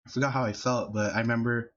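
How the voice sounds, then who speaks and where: A fast-talking young podcast host, from a Filipino family in California, uses a medium-pitched, fairly bright voice with a steady tone. He laughs as he tells a rambling childhood story packed with fillers, in casual storytelling chat recorded as dull lo-fi podcast audio.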